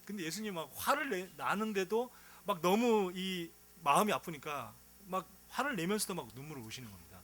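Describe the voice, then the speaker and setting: A man's voice: high-pitched, fairly quick, hardly any pauses. A male pastor preaching a sermon, telling stories with feeling and asking the congregation rhetorical questions. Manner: animated storytelling with rhetorical questions.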